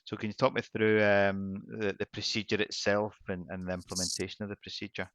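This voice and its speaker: A man's voice: on the low side, little pitch movement, fairly quick, fairly bright tone, no echo. A man interviewing a candidate about training courses, chatty and rambling as he asks his questions. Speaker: assessor interviewer. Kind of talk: conversational interview.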